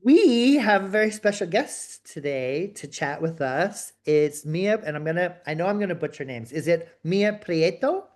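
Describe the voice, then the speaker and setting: Playful man with a lively voice. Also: high-pitched, normal speed, few pauses. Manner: playful, excitable, jokey. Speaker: co-host. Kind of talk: video call interview.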